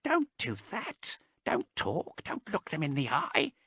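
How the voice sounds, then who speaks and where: A man pitches his voice well above its natural range to play a small, frightened male abhuman slave who speaks in a hushed, pleading tone. The delivery is unhurried with lively intonation, and there's no room sound.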